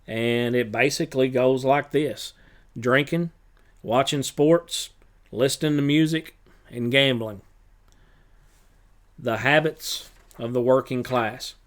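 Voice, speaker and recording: A male teacher talking through a chapter review for his students, relaxed and loose, with plenty of filler uhs. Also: medium pitch, slow, long pauses. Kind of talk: recorded review lesson.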